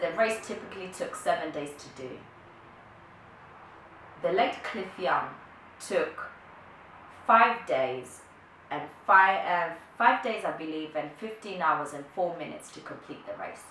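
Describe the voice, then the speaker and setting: A woman's voice: low voice, sharp tone. A woman vlogger giving an earnest motivational talk to camera, thinking aloud with restarts. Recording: echoey room, distant from mic, faint noise.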